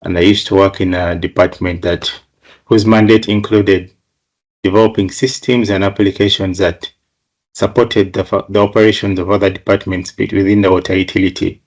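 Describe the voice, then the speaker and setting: A middle-aged man from Uganda giving a webinar presentation over a video call, measured, often repeating words as he goes. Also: low-pitched. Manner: measured, flat delivery with frequent repeated words.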